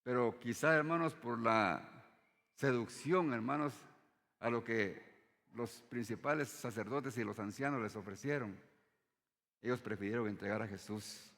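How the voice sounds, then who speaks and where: Man preaching in church, keeps saying brothers, drops low at phrase ends, long echoey hall reverb. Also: unhurried, fairly bright tone. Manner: repeats "hermanos" often, dropping his voice low at phrase ends. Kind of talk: sermon.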